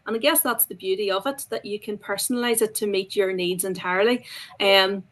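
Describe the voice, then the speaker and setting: A woman talks through a webinar in an enthusiastic, chatty way. Her voice sits at a middle pitch. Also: steady tone, fairly quick, a bit bright. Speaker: education guest speaker. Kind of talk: casual webinar discussion.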